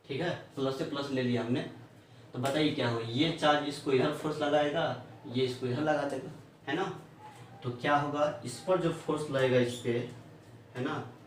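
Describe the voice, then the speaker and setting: A man teaches physics at the board, firing quick questions at the class. He is picked up from across a bare, echoing classroom, and faint room noise runs underneath. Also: medium pitch. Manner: keeps asking the class questions, repeats "है ना?". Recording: far, echoey room with faint ambience.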